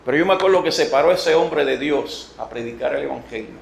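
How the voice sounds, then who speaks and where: A man around sixty with a Puerto Rican accent, preaching a sermon and telling his testimony, moving from storytelling to shouted emphasis. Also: on the high side, a little fast, vocal fry, a little hiss or hum. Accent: Puerto Rican Spanish. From Puerto Rico. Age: late 50s or 60. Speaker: evangelist. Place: church sanctuary. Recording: echoey church room.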